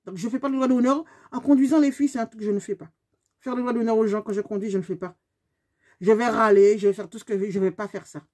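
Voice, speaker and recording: A woman, telling a story to her viewers in a lively, emphatic way. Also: fairly high pitch, fast talker. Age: 50s. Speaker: beauty vlogger. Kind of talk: storytime vlog.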